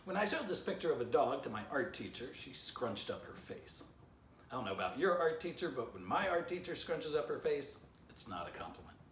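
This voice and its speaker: Seated indoors by the fireplace, this author in his fifties reads his children's book with a brisk, very animated medium-pitched voice that's a bit bright, chatting playfully to young listeners between lines. Captured by a camera a few feet off, the audio is roomy and slightly distant, with faint hiss.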